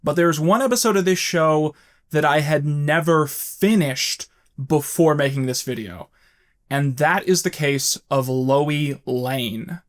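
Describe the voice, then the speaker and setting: A man's voice: on the high side, takes it slowly. A man hosting a commentary video essay, narrating with wry, sarcastic asides.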